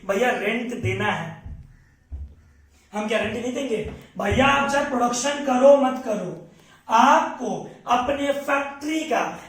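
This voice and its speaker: A man with an Indian accent and a high voice teaches commerce. He mixes Hindi and English and repeats key terms. He is heard from a distance in a strongly echoing empty classroom. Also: fairly bright tone. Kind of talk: classroom lecture.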